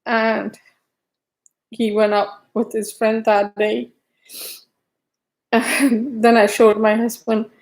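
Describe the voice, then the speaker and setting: Middle-aged woman, livestream host, unhurried and halting, greets viewers one by one, slightly high voice. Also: flat delivery, rough recording. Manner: greets viewers by name, talks haltingly with restarts. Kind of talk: casual livestream chat.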